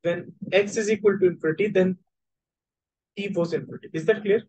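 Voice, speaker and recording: A man's voice: sits high, steady tone, fairly quick, a little mellow, breathy edge, low-quality recording. A man with a North Indian accent teaching an online maths lesson, repeating his points as he explains. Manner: repetitive explaining, switching between languages, checking understanding.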